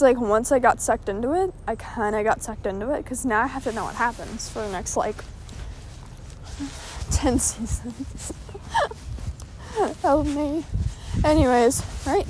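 A woman's voice: high-pitched, a little hiss or hum, low-quality recording. A teenage girl chatting casually while walking around her neighborhood, rambling with lots of filler words and a bit out of breath. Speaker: vlogger. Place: outdoors walking through a neighborhood.

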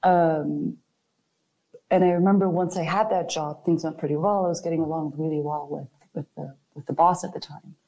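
A woman's voice: sits low, steady tone, moderate pace, dark tone, low-quality recording. A young adult woman, chatting reflectively as an interview guest. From Germany. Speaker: guest, architect. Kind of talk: casual interview chat.

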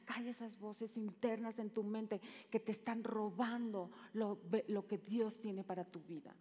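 Middle-aged woman preacher, dramatic delivery shifting from loud to hushed, fairly high voice, reverberant church hall. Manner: dramatic, swings from loud calls to hushed shushing. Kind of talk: sermon. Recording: long reverb in a large hall.

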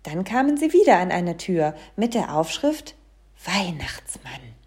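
Female storybook reader, expressive, warm and husky. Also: mid-range voice, moderate pace. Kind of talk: storybook reading aloud.

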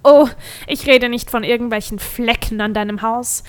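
A woman voicing a shifty, scarred male dwarf who deals pills, talking in a sly, wheedling, drawn-out way. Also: fairly high pitch, fairly even intonation, clear, resonant tone, lightly acted.

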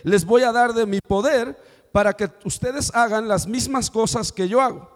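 A man preaching a sermon, telling stories and acting out dialogue with lively questions to the congregation. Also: extremely high pitch, normal speed. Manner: animated storytelling, acting out dialogue. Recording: long hall reverb.

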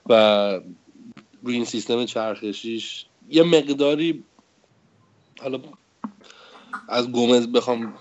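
A man's voice: mid-range voice, a little hiss or hum. A man co-hosting a casual football podcast, laying out long analytical arguments about coaches and tactics. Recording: slightly dull, lo-fi sound.

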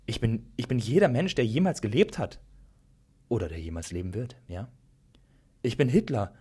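A man reading the questions of a newly dead, curious and doubting man in a spoken story, with a husky voice. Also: mid-range voice, animated, normal speed, darkish tone. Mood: astonished.

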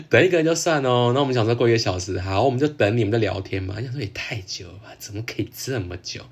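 A man's voice: mid-range voice, a little fast. A man with a Taiwanese Mandarin accent, hosting a podcast and telling a story in casual chat, laughing often and acting out what others said. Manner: animated, laughs often, acts out quotes. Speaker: podcast host.

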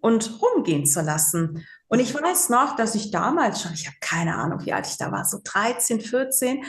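A psychological counselor in her forties tells stories in a casual interview, chatty, full of fillers, and quick to laugh. Her mid-range voice has big pitch swings at a normal speed, and the recording has a roomy echo.

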